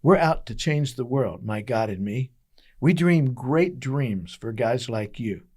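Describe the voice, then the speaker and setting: A man's voice: medium pitch, expressive, slow pace, darkish tone. A man voicing a kind woman of faith. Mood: earnest.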